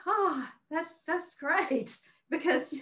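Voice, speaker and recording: Her pitch is extremely high and her delivery very slow, pushed and bright. The middle-aged woman, a painter who teaches art, joins from a room at home via video call as a guest, offering conversational testimony in an earnest, gushing manner and repeating phrases to stress them. Echo fills the roomy call audio.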